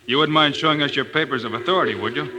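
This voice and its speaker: An actor playing a steady American frontier lawman with old-fashioned hero bravado in a radio western. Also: mid-range voice, very fast, lightly acted. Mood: cool, challenging. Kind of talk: 1950s radio western acting. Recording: noisy old radio recording.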